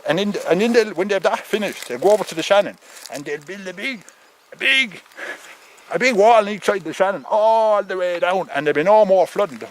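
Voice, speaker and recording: Speaking in a thick rural Irish accent, a high-pitched man plays an opinionated farmer in a rambling comic monologue. He stammers, repeats himself and swears.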